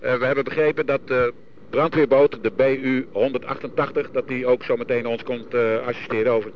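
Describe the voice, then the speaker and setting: Lifeboat crewman, male, marine VHF radio; matter-of-fact, muffled line with clear static. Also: mid-range voice, fairly even intonation, brisk. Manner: matter-of-fact, hesitant fillers. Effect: marine VHF radio transmission. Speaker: lifeboat crew member.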